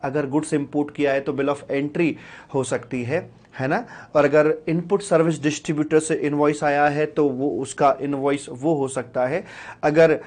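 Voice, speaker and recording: A male tutor gives a live online revision lecture in a fairly high voice. His voice is a little rough from a recent cold. He chats in a teasing, fond way, calls his students his children, and repeats words as he thinks. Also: steady tone, normal speed, a little mellow. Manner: repeats key words, uses many fillers. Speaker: accountancy exam tutor.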